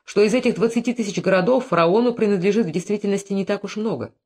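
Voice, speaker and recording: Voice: medium pitch, fast talker, darkish tone, pitched above the performer's own voice, close to an everyday voice. A reader doing a hot-tempered proud prince. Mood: indignant. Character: proud, quick-tempered male Phoenician prince. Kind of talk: audiobook character reading.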